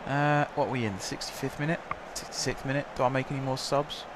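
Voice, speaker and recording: Speaking quickly in a mid-range voice with fairly even intonation, a young gaming commentator with a sore throat chats and rambles over a football management game, leaning heavily on fillers. There's noise in the background.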